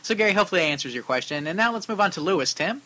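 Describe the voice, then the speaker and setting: A man co-hosting a casual arcade-repair podcast, reading out listener questions and chatting in a lively, talkative way, with his voice starting to go. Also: high voice, very fast. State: losing his voice. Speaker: co-host answering viewer questions on arcade repair.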